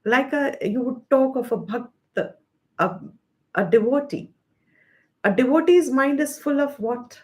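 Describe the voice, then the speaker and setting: Indian woman teaching scripture, slightly high voice. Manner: explanatory, slows to stress key terms; mixes Hindi phrases into English. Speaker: Vedanta teacher. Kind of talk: scripture study class.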